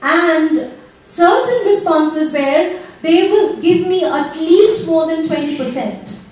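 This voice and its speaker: A woman moderating a seminar audience game, prodding people for answers in a brisk way. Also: very high voice, lively intonation, a little mellow. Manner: brisk, prodding, laughs between questions. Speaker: discussion moderator. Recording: echoey room from far off.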